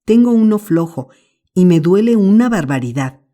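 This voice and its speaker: A woman's voice: mid-range voice, expressive, moderate pace, mellow, pitched above the performer's own voice, close to an everyday voice. A woman voicing a mischievous boy who whimpers and pleads theatrically, in an audiobook. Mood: pleading. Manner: whimpering, melodramatic. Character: mischievous boy faking illness.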